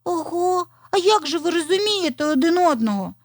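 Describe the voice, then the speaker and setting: A woman voicing a little girl fox cub, eager and curious, with a high, lively childlike voice in a storybook tale. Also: normal speed, no room sound, clean studio sound. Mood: amazed.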